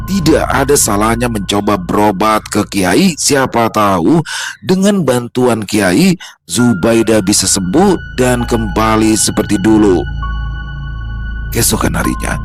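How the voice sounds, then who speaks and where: A man narrating a horror story in a slow, somber, measured way. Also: fairly low pitch. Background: background music.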